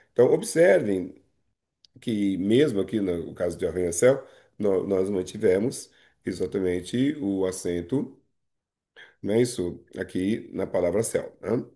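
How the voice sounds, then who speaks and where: A Brazilian Portuguese-accented male teacher talks a class through a grammar lesson on video. His voice sits fairly low and sounds warm and mellow. He explains patiently, often stops to check the class is following, and restarts phrases with small fillers. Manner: explains patiently with frequent "né?" and "não é isso?" checks.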